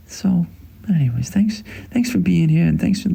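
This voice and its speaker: A man playing a tender, grieving man in an acted monologue, speaking in a halting, plaintive way. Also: high-pitched, lively intonation, vocal fry, mellow, slightly rough, exaggerated voice. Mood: wistful, grateful. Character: grieving, tender man mourning a lost pet.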